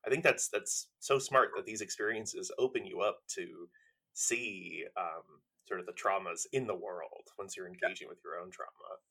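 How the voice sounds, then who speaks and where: Man, very deep voice, bright edge, husky, reflective, casual chat. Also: moderate pace. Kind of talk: casual podcast conversation.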